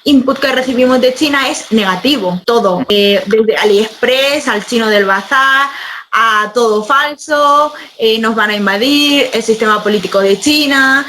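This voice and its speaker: A young woman talks in a relaxed interview, reflective and sincere, pausing and restarting as she works through her thoughts. Her voice sits a little high, with a faint hiss of noise under the recording. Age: young adult. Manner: earnest, reflective, thinks aloud with restarts. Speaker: interview guest. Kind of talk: conversational interview.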